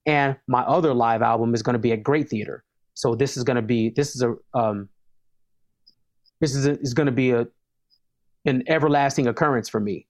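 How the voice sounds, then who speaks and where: A man's voice: mid-range voice, a little fast, long pauses. A man, a hip hop artist talking casually as an interview guest, emphatic and prone to repeating words as he starts sentences.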